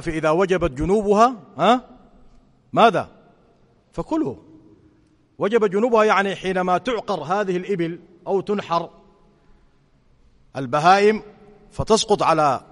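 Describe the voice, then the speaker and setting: Sheikh teaching a class, high voice, checks in with students often, long hall echo. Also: male voice. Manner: questioning students, checking understanding. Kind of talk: religious lesson explaining to students.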